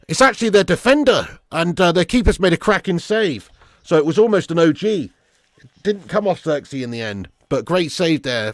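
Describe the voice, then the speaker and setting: A British man hosts a live football watch-along in a fairly high voice that swings widely in pitch. He is animated and blokey, mixing match commentary with sweary, matey chat to viewers. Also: no room sound, studio quality. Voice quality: raspy, smoker's laugh.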